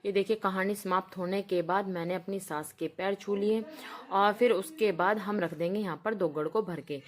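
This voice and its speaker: Chatty young woman vlogging from Uttar Pradesh. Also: mid-range voice. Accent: Uttar Pradesh Hindi. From Uttar Pradesh, India. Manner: chatty, addresses viewers directly as guys. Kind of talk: casual festival vlog.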